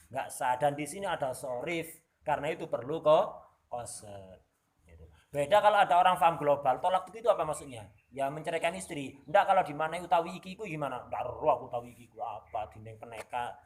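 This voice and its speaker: A man teaching an Islamic law lesson. He reads Arabic text aloud, explains it in casual speech with asides, and often checks that his students follow. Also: on the high side. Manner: explains and asks the class "Paham ya?". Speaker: religious teacher. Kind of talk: kitab study lesson.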